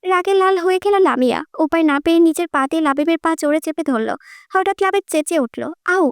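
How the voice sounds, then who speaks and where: Woman audiobook narrator, very high voice, lively storytelling, dry close-mic read. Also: fast, no room sound. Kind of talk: scripted narration.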